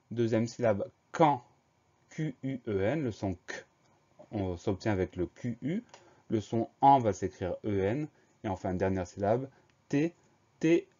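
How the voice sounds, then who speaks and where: A man teaching a spelling lesson, slowly and deliberately spelling words letter by letter for dictation. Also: on the low side, warm tone. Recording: dull lo-fi recording.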